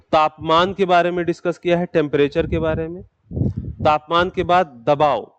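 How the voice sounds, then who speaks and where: A fairly high-pitched man gives a classroom lecture and talks to his students in a patient, fatherly way. The sound is dull and muffled but dry, with almost no room echo. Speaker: geography teacher.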